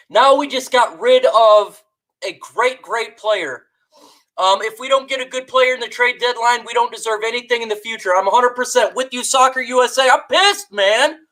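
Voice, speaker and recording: A woman live-streaming a fired-up, exasperated rant to her chat, shouting out viewers between complaints. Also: a little high, rough recording. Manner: reads out chat shout-outs.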